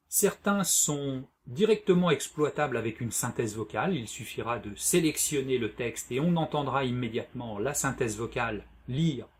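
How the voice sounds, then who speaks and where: A man presenting a software tutorial as a screencast voice-over, explaining methodically step by step. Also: medium pitch, slightly rough. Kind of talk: instructional screencast narration.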